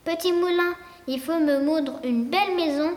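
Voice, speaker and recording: A poor, kindly woodcutter from a storybook, as a woman puts him on chants his wishes in a high, sing-song voice. The sound carries a roomy echo and a long reverb tail. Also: normal speed, darkish tone. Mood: cheerful. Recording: echoey room with long reverb.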